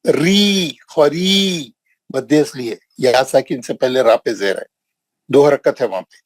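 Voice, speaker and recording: A middle-aged man with a Hyderabadi accent teaching Quran recitation in an online lesson, slowly drawing out and repeating drill words for his students. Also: medium pitch, darkish tone, no room sound, low-quality recording. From India.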